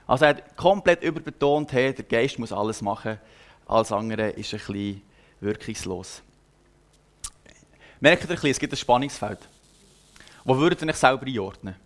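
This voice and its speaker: A young man preaches with a Swiss lilt in his Standard German. He tells a personal story in an earnest, chatty way and often pauses to hesitate. His voice sits at an ordinary middle pitch. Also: expressive. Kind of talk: personal sermon.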